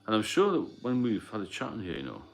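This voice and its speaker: A man's voice: fairly low pitch, huge pitch swings, fast, vocal fry. A man hosting a casual livestream, plain-spoken and rambling, answering viewer comments as he goes. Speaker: livestream host. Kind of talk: casual live-stream chat.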